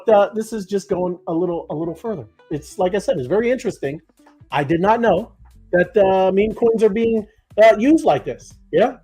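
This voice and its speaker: Rambling male crypto co-host, husky and high-voiced, light music behind. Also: animated, moderate pace, dark tone. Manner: rambling, many fillers and restarts. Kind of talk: casual livestream chat.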